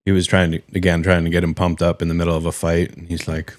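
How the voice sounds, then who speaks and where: Very deep-voiced dude chatting on a podcast, laid-back, halting, dry close sound. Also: male voice, level tone, no room sound. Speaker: podcast co-host. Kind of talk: casual chat.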